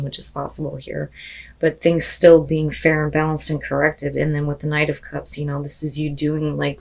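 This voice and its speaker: A woman with a deep, somewhat dark voice, a little hoarse after losing it, gives a casual tarot reading. She's chatty and keeps dropping fillers like "you know" and "like."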